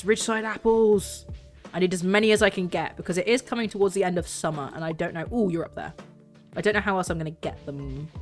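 A young woman chatting and joking while she streams a farming game. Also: fairly low pitch. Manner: chatty, giggly, self-mocking. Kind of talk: casual gameplay commentary.

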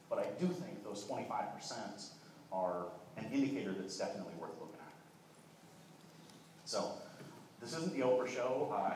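A young man giving a conference keynote, talking quickly and fluently with frequent "uh" restarts, in a large hall. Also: fairly low pitch, a little mellow. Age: young adult. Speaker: keynote speaker. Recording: echoey hall, voice from far off, faint noise.

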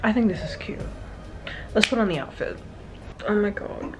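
A woman's voice: medium pitch, normal speed, over music. A woman with an Australian accent, a touring singer chatting casually to camera in a self-mocking, joking way. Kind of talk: casual vlog chat to camera.

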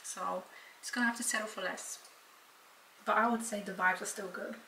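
A woman talks through her vlog from her bedroom in a bright, sharp voice. She chats in a loose, self-mocking way and swears freely. She keeps up a casual, running commentary. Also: mid-range voice, steady tone, moderate pace, a little hiss or hum, poor audio. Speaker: vlogger.

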